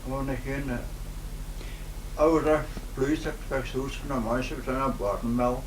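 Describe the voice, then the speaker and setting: A man in his nineties with a broad Scottish accent, reminiscing informally in a halting, rambling way in dialect. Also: medium pitch, steady tone. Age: 90s. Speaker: interviewee, retired farm worker. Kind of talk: informal oral-history reminiscence. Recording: roomy, noisy, distant microphone.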